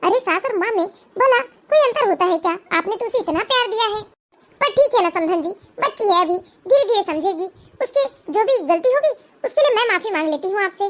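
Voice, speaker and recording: A sly middle-aged mother schemes in a high, sugary cartoon voice, as a woman plays her. Her talk is falsely kind and coaxing, with an edge of cunning underneath. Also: expressive, fairly quick. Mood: scheming. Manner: falsely sweet, honeyed. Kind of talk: cartoon voice acting.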